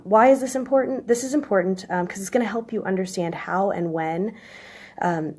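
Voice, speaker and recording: A woman in her thirties with a chest cold, hoarse with a smoker's rasp, giving a halting, informal explanation on a live stream. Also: on the low side, a little mellow. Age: 30s. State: chest cold, coughing and clearing throat. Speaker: live stream host, tarot reader. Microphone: phone.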